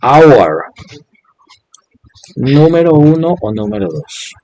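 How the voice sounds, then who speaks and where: A man's voice: a little high, very animated, slow pace, vocal fry, a little mellow. A man teaching an English class in Spanish, patiently explaining and repeating each example step by step. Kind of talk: online class instruction.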